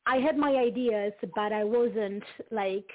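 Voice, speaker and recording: An Italian woman with a medium-pitched voice comes through a tinny, phone-like call line as a guest singer-songwriter in a casual interview chat. She's halting, full of fillers and restarts, with light laughs.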